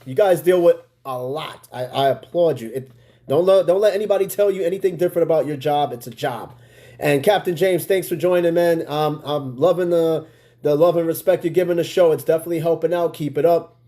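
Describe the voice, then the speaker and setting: An American man hosts a podcast in casual livestream chat, slangy and prone to swearing, tossing conversational asides to his listeners. His voice is on the high side, brisk, and mellow.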